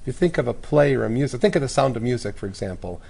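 A man with a hoarse, raspy voice worn out from shouting, explaining things as a priest in a measured way on a discussion panel. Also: mid-range voice, expressive. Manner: measured, uses analogies and lists. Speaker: priest, guest commentator.

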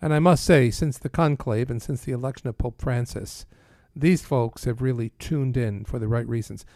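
A mid-pitched man from Canada, a priest talking as an interview guest. He speaks earnestly and steadily, praising people warmly and slipping in dry quips. His voice sounds close and dry. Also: moderate pace, dry recording. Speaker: priest and Vatican press aide.

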